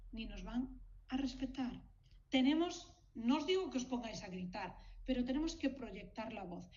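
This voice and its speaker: Woman, university lecturer, expressive, a bit high, dull lo-fi sound, faint noise. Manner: expressive, addresses audience directly. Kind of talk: lecture to future teachers.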